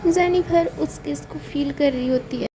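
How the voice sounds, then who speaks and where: A woman's voice: sits high, measured pace, background noise. A woman with an Indian accent casually narrating a romance story, repeating fillers as she goes. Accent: Hindi-speaking Indian. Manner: repetitive, filler-laden retelling.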